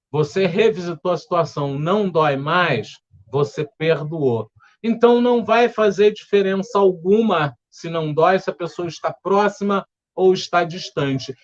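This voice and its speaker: A man with a Brazilian Portuguese accent leading a spiritual study group, speaking in a calm, gentle, explanatory way. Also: a little high, muffled recording. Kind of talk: reflective spiritual study talk. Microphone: home setup with earphones.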